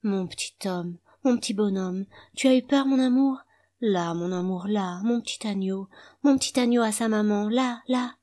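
A woman's voice: medium pitch, moderate pace, pitched above the performer's own voice, natural voice. A woman voicing a young mother who bursts in alarmed and fiercely protective of her baby. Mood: crooning. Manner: cries out in alarm, then croons softly.

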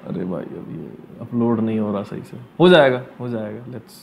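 A man's voice: lowish voice, animated, very fast, gravelly, dull audio, a little hiss or hum. A young man with a North Indian accent teaching a live revision lesson as an online teacher, informal and explaining step by step, often asking questions and mixing languages. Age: young adult. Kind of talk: live exam revision lesson, switching between English and Hindi. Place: small furnished room at home, indoors.

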